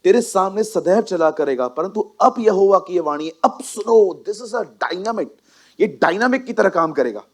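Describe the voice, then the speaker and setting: A male pastor preaching a sermon in a church hall, animated and emphatic, often slipping English phrases into his talk. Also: high voice, unhurried.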